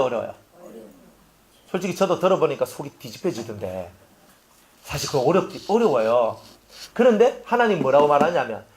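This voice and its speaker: A male pastor preaching a sermon, animated and asking the congregation rhetorical questions. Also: a little high.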